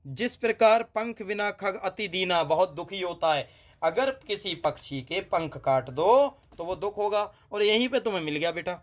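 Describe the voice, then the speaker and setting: Man, teacher, slightly high voice, exam-prep lesson, slow drawn-out verse recitation, repeats key words. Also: a bit bright. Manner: addresses students as "beta", drills by elimination. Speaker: Hindi grammar teacher.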